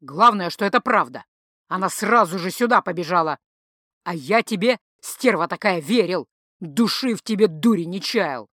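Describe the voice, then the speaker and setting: A woman voicing a jealous, hysterical male city official who shouts accusations at his wife. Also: lowish voice, animated, moderate pace, no room sound, studio quality. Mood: accusing. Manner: loud, accusing, whiny.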